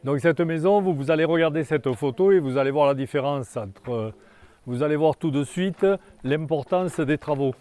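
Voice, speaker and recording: An older male tour guide with a mellow, low voice leads a guided tour outdoors in a hamlet. His delivery is halting and stop-start, full of restarts and fillers.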